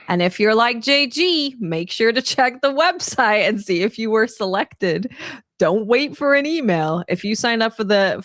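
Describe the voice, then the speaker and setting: A woman's voice: medium pitch, fairly bright tone, no echo, clean studio sound. A woman co-hosting a podcast in casual conversation. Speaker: podcast co-host.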